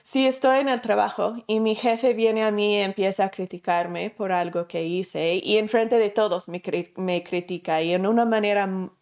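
Woman, class teacher, conversational lesson, medium pitch, asks herself questions, fillers and restarts. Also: steady tone, moderate pace, hardly any pauses, darkish tone. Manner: explains through self-questioning and acted examples; conversational, with fillers and self-corrections.

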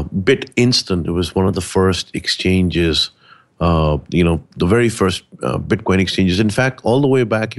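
A man speaking as a guest on a talk show, explaining a story at length with frequent hesitations. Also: sits low. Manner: explanatory, hesitant with many uh fillers. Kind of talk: casual chat.

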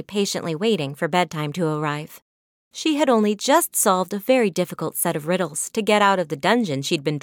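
A woman reading her own children's storybook aloud with gentle, measured storytelling. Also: lowish voice, no echo, clean studio sound. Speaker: author narrating her own book. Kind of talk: children's audiobook narration.

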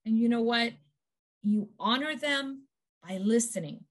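A middle-aged woman talking as a guest in a casual conversation, telling lively stories and acting out quotes. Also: a little high, a little slow. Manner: lively storyteller, acts out quotes.

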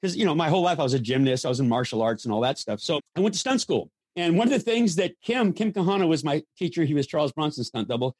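An older man, a former stuntman, telling animated anecdotes as a guest, acting out the voices of the people he quotes. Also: a little high, quick pace, few pauses, dry recording, studio quality. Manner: lively storyteller, acts out quoted voices, frequent restarts. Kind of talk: anecdotal storytelling.

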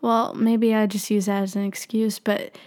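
A woman's voice: medium pitch, little pitch movement, normal speed, darkish tone. A young adult woman with freshly tightened braces on her teeth, talking casually and candidly as a solo podcast host. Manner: candid, self-reflective.

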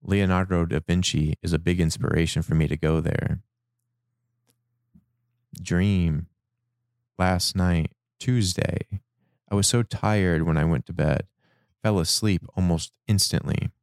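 Deep, smooth-voiced man reading a journal. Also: fairly even intonation, a little slow, long pauses, a little mellow, no echo, studio quality. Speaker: narrator. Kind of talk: reading a personal dream journal aloud.

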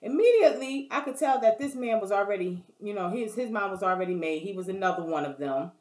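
A woman's voice: medium pitch, expressive, fast, darkish tone. Blunt, profane woman ranting in an echoey room. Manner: blunt, profane, keeps asking "you know what I mean". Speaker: vlogger. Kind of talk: casual storytelling rant. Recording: roomy echo.

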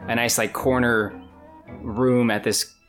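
A man hosting a casual movie-review chat, relaxed, recapping the plot and laughing easily. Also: medium pitch, slow, soft background music.

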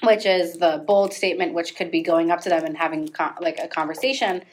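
A woman's voice: fairly low pitch, brisk. Chatty young woman podcast host. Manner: rambling, filler-heavy, laughs often. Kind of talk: casual chat.

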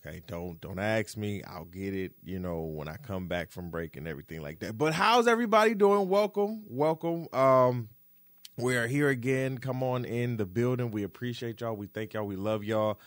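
A man's voice: lowish voice, fairly quick, few pauses, no echo, clean studio sound. A man hosting a music podcast in casual, hyped, slangy talk, effusive and repeating phrases for emphasis. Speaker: podcast host.

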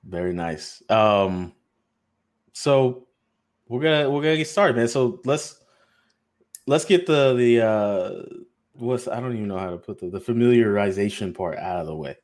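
Host: man with a very deep voice, relaxed and loose, trips over words. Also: a little slow. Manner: laid-back, fumbling, says man a lot. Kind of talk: casual podcast hosting.

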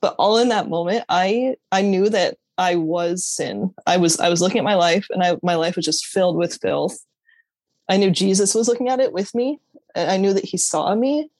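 A woman's voice: on the low side, a little mellow, dry recording. Candid woman with a dry, close sound. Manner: earnest and candid, halting with restarts and laughs. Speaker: interview guest. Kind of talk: personal faith testimony in conversation.

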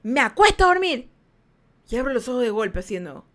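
A woman with a Guayaquil Ecuadorian Spanish accent hosts a storytelling podcast. Her voice sits high, and she tells the tale in an animated way, acting out her own shouts. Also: fast talker. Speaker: podcast host.

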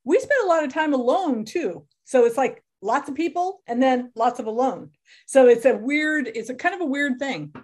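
A woman hosting a casual interview, supportive and quick to agree. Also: sits high, expressive, a little mellow. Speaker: series host.

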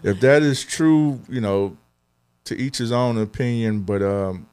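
A man's voice: medium pitch, measured pace, a little mellow, clear, resonant tone. A young adult man co-hosting a podcast, talking earnestly in casual chat, with many fillers and restarts. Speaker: podcast co-host.

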